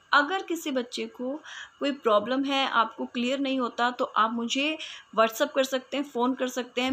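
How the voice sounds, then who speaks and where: A woman teacher with a high, bright voice explains figures of speech at an unhurried pace. She speaks with an Indian English accent, checks in with her students often, and draws out the example lines slowly and clearly. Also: slight background noise. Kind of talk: classroom explanation.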